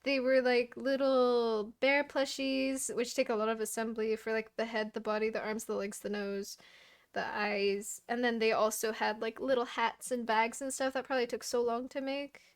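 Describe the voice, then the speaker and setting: A woman who makes and sells handmade plushies, talking in a relaxed, rambling way in a casual chat with friends. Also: on the high side, normal speed. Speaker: crafter selling handmade plushies.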